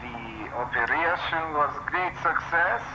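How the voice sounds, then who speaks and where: An actor playing a male scientist recording audio-log lab reports in a halting, clipped way. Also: a little high, heavy background noise. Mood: matter-of-fact.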